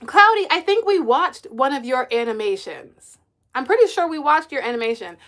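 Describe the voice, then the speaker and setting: Brief: bright, high-pitched woman, friendly chatty livestream host reading comments, quick laughs. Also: big pitch swings. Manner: chatty, laughs often, answers viewers directly. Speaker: livestream host and kids' coach. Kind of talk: casual live-stream chat reading comments.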